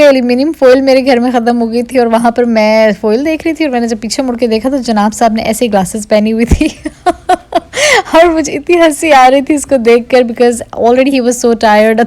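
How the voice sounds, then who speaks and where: Young woman vlogger, pretty high voice, chatty and friendly, music going in the back. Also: darkish tone. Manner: chatty, addresses viewers politely; coaxing and playful with her toddler. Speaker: lifestyle vlogger. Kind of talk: casual vlog chat and voice-over. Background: background music.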